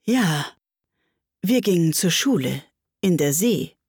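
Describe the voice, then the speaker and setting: A mournful, sighing mock turtle from a storybook, voiced by a woman, dragging each word out very slowly. The voice sits low and breathy, plaintive and heavy. It is recorded dry and close. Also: expressive, a little mellow, no room sound, full character voice.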